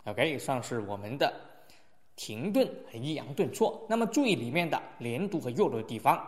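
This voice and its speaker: A male teacher giving a spoken English lesson, slowly modelling phrases and then explaining them in quick asides. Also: mid-range voice, sing-song, in a large hall.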